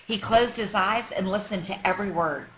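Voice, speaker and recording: In a rough recording with slight background noise, a woman who teaches kindergarten reads a children's story expressively and emphatically for little ones. Her medium-pitched voice is a bit bright and moves at a moderate pace.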